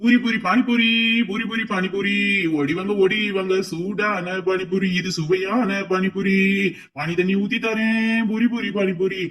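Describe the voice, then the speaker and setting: A man voicing a cheeky, loud female street snack vendor in a cartoon comedy, calling out in a sing-song hawking chant. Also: sits high, fairly even intonation, unhurried, recorded from a distance.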